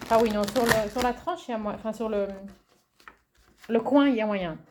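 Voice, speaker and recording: A woman presenting a card game in a casual video, cheerful and amused, pausing often with fillers and reading titles slowly. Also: a little high, background noise. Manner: hesitant, many fillers, muses aloud over names; reads English card titles slowly and carefully. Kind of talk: casual show-and-tell presentation.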